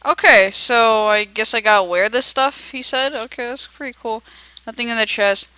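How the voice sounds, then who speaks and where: A teenage boy giving chatty, excitable commentary while playing a game, talking to himself as he goes. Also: extremely high pitch, normal speed, clean tone, no echo, rough recording. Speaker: gaming video creator. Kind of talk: casual gameplay commentary.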